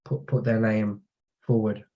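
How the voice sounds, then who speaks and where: A man's voice: lowish voice, a little slow, muffled recording. A man from the UK, a podcast guest, chatting casually and telling anecdotes in which he acts out what other people said. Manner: relaxed storytelling, acts out quoted dialogue. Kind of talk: casual conversation.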